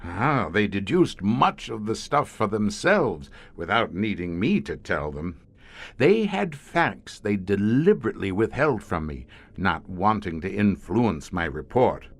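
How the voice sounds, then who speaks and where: A male actor plays a grim veteran scientist who leads a secret monster-hunting squad in an audio horror drama. His lowish voice has big pitch swings and is fully in character, and he speaks like a deliberate, erudite, brooding storyteller. The mood is measured and confiding.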